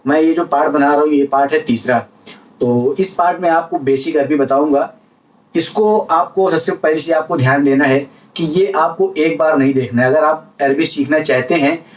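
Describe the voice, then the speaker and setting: A man with a fairly high voice teaches in a casual, patient way, saying each word twice and then giving an everyday example. He sits a little back from the microphone, so his voice sounds slightly distant. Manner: explains patiently with repetition and examples. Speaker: language teacher vlogger. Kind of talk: casual spoken lesson.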